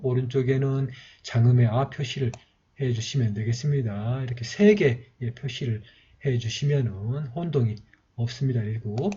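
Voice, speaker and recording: Husky, mellow-voiced man teaching script. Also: mid-range voice. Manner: patient, explanatory, walks through each stroke with frequent "ja" and "eo" fillers. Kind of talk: step-by-step writing lesson. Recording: dull lo-fi recording.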